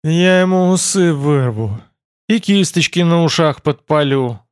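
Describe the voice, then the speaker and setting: A man's voice: on the high side, animated, brisk, no echo, studio quality. A male reader voicing a hot-tempered noble lord who swings between indignant outbursts and grumbling. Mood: threatening.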